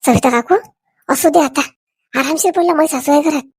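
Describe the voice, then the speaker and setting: A woman voicing an anxious young cartoon wife who pleads in a hushed voice. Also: high-pitched, brisk, no echo, clean studio sound, close to an everyday voice.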